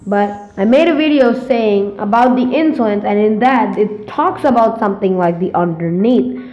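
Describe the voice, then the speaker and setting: A woman talking casually through a game theory, rambling and excitable with lots of fillers. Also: medium pitch, normal speed, dull audio. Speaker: gaming theory YouTuber. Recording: roomy echo, faint music behind.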